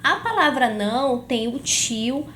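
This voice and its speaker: A woman teacher giving a grammar lesson in a clear, didactic way, slowing down to stress each example word. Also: a little high, animated, bright, forceful tone, slight background noise. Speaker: Portuguese teacher.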